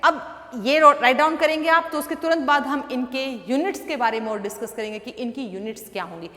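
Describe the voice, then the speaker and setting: A woman teaching chemistry, mixing Hindi with English terms. She calls the students "beta", checks in with "thik hai", and slows down for English definitions. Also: high-pitched, bright, forceful tone. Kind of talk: classroom lecture, Hindi mixed with English terms. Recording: roomy echo with long reverb.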